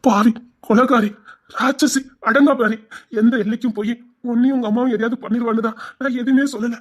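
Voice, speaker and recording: A man's voice: very high voice, fairly even intonation, brisk. An actor with a Tirunelveli Tamil accent playing a stern, remorseful older father who scolds and then pleads with his daughter.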